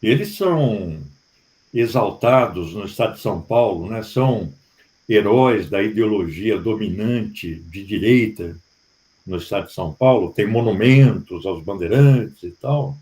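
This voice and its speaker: A man with a Brazilian Portuguese accent, a professor explaining history to a study group in an unhurried lecturing manner with frequent tag questions. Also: fairly low pitch, animated, a little mellow. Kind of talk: academic discussion.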